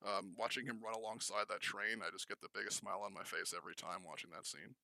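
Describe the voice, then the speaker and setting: A young man rambles eagerly through a casual film chat on a podcast, full of "um"s and restarts. His voice is bright and forward, recorded dry and close with little room sound. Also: lowish voice, quick pace, gravelly, no room sound. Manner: rambling, enthusiastic, many fillers and restarts. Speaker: podcast co-host.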